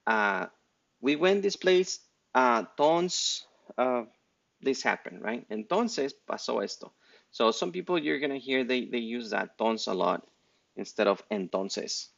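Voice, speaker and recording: A Spanish teacher from Mexico, speaking with a Mexican accent in a lowish, creaky voice, gives a loose, unscripted Spanish lesson full of restarts and fillers. It's a casual spoken language lesson, and the sound is lo-fi.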